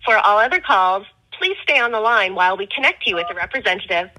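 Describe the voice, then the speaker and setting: A woman's recorded automated phone menu message, reading scripted prompts in a slow, measured, evenly enunciated way. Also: medium pitch, lively intonation, pushed and bright, poor audio.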